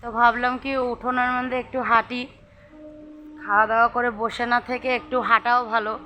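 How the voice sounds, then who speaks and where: A woman's voice: on the high side, flat delivery, a little fast, bright, forceful tone, faint music behind. A woman in her thirties, a mother of two, chatting casually to viewers as she walks the yard and cooks at home. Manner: chatty, narrating household chores to viewers. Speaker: vlogger, mother of two boys. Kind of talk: casual home vlog chat.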